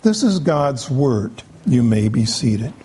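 A man preaching a sermon, explaining scripture in an unhurried way with frequent pauses. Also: mid-range voice, big pitch swings, dark tone, breathy edge. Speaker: pastor.

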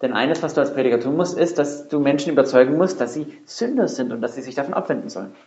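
A man's voice: mid-range voice, expressive, quick pace, darkish tone. A man preaching a sermon earnestly and emphatically, with rhetorical questions and repetition. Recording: roomy, dull lo-fi sound.

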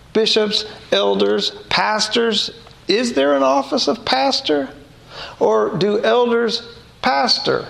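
A pastor preaching slowly and deliberately, his voice gravelly with a slight rasp at the edges. He sits a touch high for a man and talks to his congregation conversationally, reading scripture aloud and posing rhetorical questions. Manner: reads scripture aloud between comments. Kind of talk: sermon.

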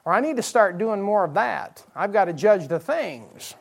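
A man's voice: sits high, sing-song, moderate pace, gravelly. A man preaching a midweek evening sermon in church, explaining Bible verses, repeating key phrases and asking the congregation rhetorical questions. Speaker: pastor.

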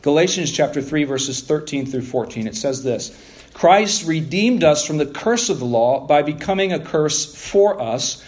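A man delivers a teaching sermon into a pulpit microphone, his voice sitting a little higher than most men's. He guides listeners through scripture, reading passages aloud. He pauses on rhetorical questions as he explains what the verses mean. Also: lively intonation, darkish tone. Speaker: pastor. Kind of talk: expository sermon.

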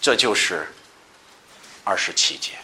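A man leading a Bible study sermon, explaining passages verse by verse and asking his listeners questions, moving between raised emphatic stretches and quiet asides. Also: lowish voice, animated, a little slow.

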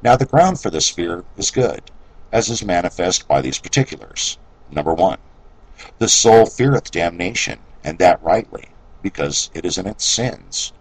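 A man reading an old devotional treatise aloud in a measured, solemn way, letting his voice sink low and soft on each scripture reference. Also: expressive, slightly rough, dry recording, rough recording. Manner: occasional self-corrections while reading.

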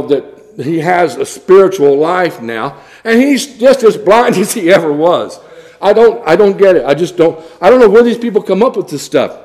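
A man with a notably high voice delivers a sermon. His preaching is blunt and scornful, and he reads scripture in old-fashioned wording. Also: darkish tone.

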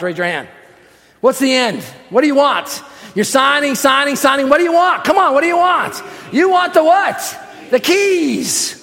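A man preaching a fervent sermon, swinging between quiet teaching and shouted, drawn-out emphatic lines. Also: very high-pitched. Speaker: pastor. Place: church sanctuary. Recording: long hall reverb.

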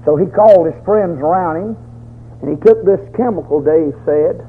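A man's voice: a little high, normal speed, slightly rough. An older man preaching a folksy, fervent storytelling sermon, in a dull lo-fi recording.

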